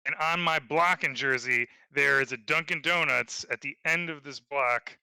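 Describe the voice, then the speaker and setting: A man's voice: a little high, normal speed, creaky, pushed and bright, clear, resonant tone, no echo, low-quality recording. A man who is a guest on a chat show, laughing often and giving blunt opinions. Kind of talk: casual podcast chat.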